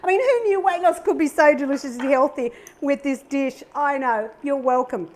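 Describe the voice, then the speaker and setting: A middle-aged Australian woman hosts a live cooking demonstration, her high voice bubbly, chatty and upbeat, sprinkled with little exclamations as she cooks. She speaks at a moderate pace with a darkish tone, and there's slight background noise.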